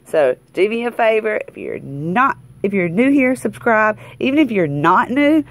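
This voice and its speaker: In a mid-range, animated voice at a moderate pace, a woman with a Southern US accent hosts a lottery scratch-off video. It's casual, excited vlog chat, folksy and full of repeated phrases for emphasis, filmed hands-only at a tabletop indoors.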